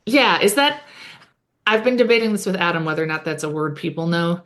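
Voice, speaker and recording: A woman with a fairly low voice co-hosts a podcast and recaps an episode in loose, chatty talk. She stops and corrects herself often, leaning on "um" and "like" as she goes. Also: steady tone, brisk, a bit bright. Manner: chatty, many fillers and self-corrections. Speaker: podcast co-host. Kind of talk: casual chat recapping a TV episode.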